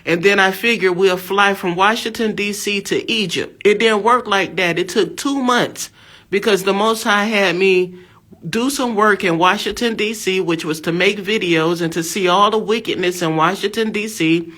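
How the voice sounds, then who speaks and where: A woman's voice: medium pitch, moderate pace, fairly bright tone. An American woman in her fifties giving a fervent religious testimony, emphatic and exhortative, repeating her phrases. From USA. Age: 50s. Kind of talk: fervent preaching monologue.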